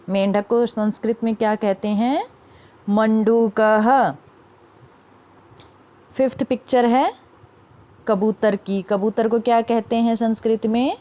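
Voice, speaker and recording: A young woman teaching a class of children, sounding out each word slowly and answering her own questions. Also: on the high side, dull audio. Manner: slow, careful word-by-word pronunciation drills; asks questions and answers them herself. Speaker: Sanskrit teacher.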